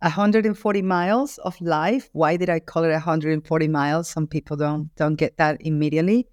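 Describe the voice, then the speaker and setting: A woman's voice: deep voice, steady tone, brisk, darkish tone, dry recording, clean studio sound. A woman from Ecuador, an author being interviewed, speaking earnestly and reflectively, with frequent restarts. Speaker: author and guest. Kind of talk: interview answer.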